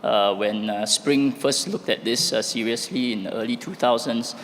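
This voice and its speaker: A hoarse man giving an opening address at an event, halting with many fillers and restarts. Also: medium pitch, fairly bright tone. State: losing his voice, hoarse. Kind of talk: impromptu public speech. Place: event hall at a startup festival. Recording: reverberant hall, faint noise.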